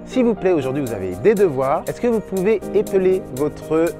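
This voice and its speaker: A man giving an upbeat video lesson as a language teacher, sounding out each letter slowly and clearly. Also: high-pitched, big pitch swings, over music. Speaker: Spanish teacher.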